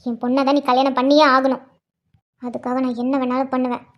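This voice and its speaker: A woman voicing a scheming, stubborn middle-aged aunt in a cartoon story, speaking in a low, menacing, deliberate way. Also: level tone, muffled recording, noisy background, natural voice. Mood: vengeful, determined.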